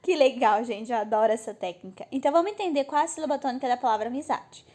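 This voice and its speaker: A woman's voice: a little high, fast talker, heavy background noise. A woman teacher with a Brazilian Portuguese accent explaining a lesson to children, friendly and often checking in with her pupils. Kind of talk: online class explanation to children.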